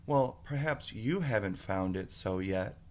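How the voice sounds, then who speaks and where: A man's voice: fairly low pitch, expressive, unhurried, a little mellow. A man voicing a polite, earnest young girl in a storybook, puzzled and a little put out. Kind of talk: storybook character voice.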